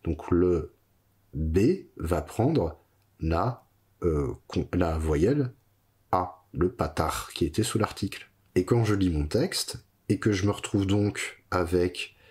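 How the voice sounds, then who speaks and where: A man teaching a recorded lesson, explaining slowly and methodically, checking in with his listeners as he goes. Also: sits low, a little mellow, husky. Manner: slow, methodical explaining with frequent "d'accord?".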